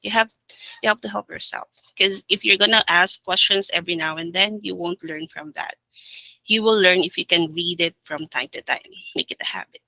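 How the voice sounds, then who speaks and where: Female trainer, Filipino accent, very sharp bright tone, dry close sound, direct and insistent, informal instructional delivery. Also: fairly low pitch, moderate pace, creaky, no echo, rough recording. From Philippines. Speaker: trainer of call center staff. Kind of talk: informal staff training talk.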